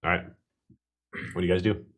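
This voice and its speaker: A man narrating a tabletop game as game master on a live stream, describing scenes in a slow, halting way. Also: sits low, flat delivery.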